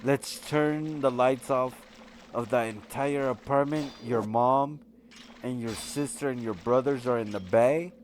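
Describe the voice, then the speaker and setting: A man's voice: medium pitch, a little slow, slight background noise. A man casually telling rambling personal stories while commenting over gameplay, with lots of fillers and restarts. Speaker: gaming channel host.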